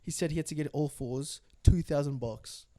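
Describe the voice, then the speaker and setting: Chatty young man, slightly high. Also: warm tone. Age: young adult. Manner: chatty, rambling, filler-heavy, quick to laugh. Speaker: podcast co-host. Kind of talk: casual chat.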